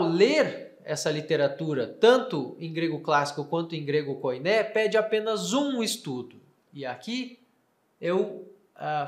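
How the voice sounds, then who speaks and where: A man teaching a lesson, carefully explaining and slowly sounding out words. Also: a little high, fairly bright tone, reverberant. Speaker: Greek teacher.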